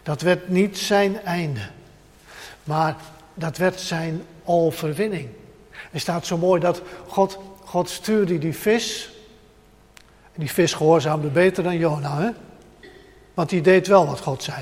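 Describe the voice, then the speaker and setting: A man's voice: on the high side, slow, long pauses, darkish tone. A man preaching a sermon with emphasis, repeating short phrases as he builds up, speaking directly to his listeners. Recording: long hall reverb.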